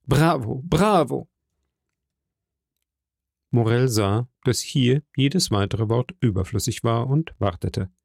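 Guy narrating an audiobook, steady, dry close mic. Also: medium pitch, unhurried, gravelly, few pauses, no echo. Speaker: audiobook reader. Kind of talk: scripted narration.

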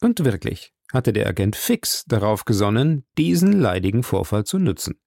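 A man narrating a classic novel as an audiobook in slow, steady storytelling. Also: mid-range voice, gravelly, no echo, studio quality.

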